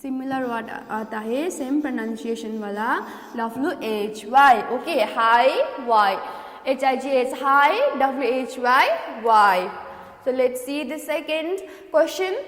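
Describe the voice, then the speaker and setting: Woman teacher, Indian accent, unhurried, letter-by-letter spelling, roomy echo. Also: high voice. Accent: Indian English. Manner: slow, spells out words letter by letter, mixes Hindi and English. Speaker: school teacher. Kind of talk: classroom lesson for young children. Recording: echoey room with long reverb.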